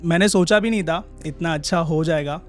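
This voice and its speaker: A young man, a podcast guest, telling a personal story in a casual, halting way with many pauses and restarts. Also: fairly high pitch, soft background music.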